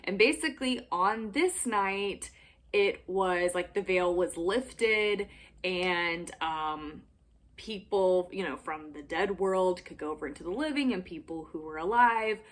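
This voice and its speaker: A woman's voice: lowish voice, unhurried. A young woman hosting a casual explainer vlog from home, chatty and giggly, with lots of filler words. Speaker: vlogger. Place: home room with backdrop.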